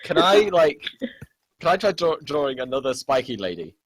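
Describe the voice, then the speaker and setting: A man playing in a tabletop game, joking and excitable. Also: fairly high pitch, moderate pace. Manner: excitable, jokey. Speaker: player. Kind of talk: casual tabletop role-play.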